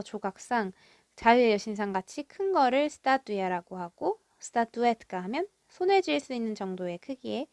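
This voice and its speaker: A woman teaching a language from a drama script, reading each foreign line slowly and carefully before explaining it. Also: medium pitch, no room sound, clean studio sound. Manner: reads foreign lines slowly and carefully, then translates.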